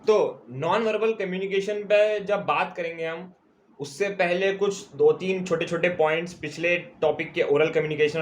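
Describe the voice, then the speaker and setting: Man teaching a lecture, slightly higher voice. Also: a little hiss or hum. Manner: repeats key terms slowly, checks in with "ठीक है". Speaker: commerce teacher. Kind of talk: classroom lecture.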